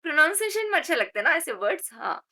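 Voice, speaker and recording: A woman's voice: high voice, sing-song, fast, pushed and bright. A woman teaching general knowledge for government exams, repeating key words and asking rhetorical questions, mixing English words into Hindi. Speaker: exam coaching teacher. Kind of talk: Hindi general knowledge lesson with memory tricks.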